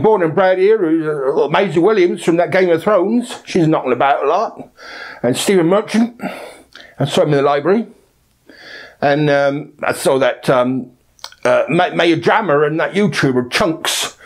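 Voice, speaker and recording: A man's voice: on the high side, close to an everyday voice. A man voicing a blunt, gossipy local woman, rambling through a spoof news report. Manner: offhand, rambling, hesitant name-dropping. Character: blunt, gossipy Bristol woman, celebrity-spotting local correspondent.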